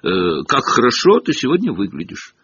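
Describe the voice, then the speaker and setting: A quick, eager schoolgirl in a storybook, put on by a man, pushed up high and chirpy, husky underneath, her lively voice bouncing up and down on a dull, dry recording. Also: no room sound, exaggerated voice. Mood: forced cheer. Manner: brightly fake-cheerful, hurried.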